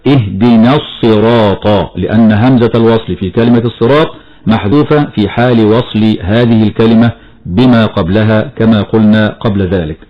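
A man teaching the rules of Quran recitation, explaining steadily and chanting slow example verses. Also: fairly low pitch, highs cut off. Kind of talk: tajweed lesson with recited examples.

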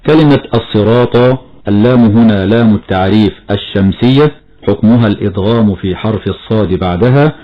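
A man's voice: fairly low pitch, dull audio, a little hiss or hum. Man teaching Quran recitation rules. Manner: measured explanation, slow drawn-out recitation of examples. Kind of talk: tajweed lesson with recited examples.

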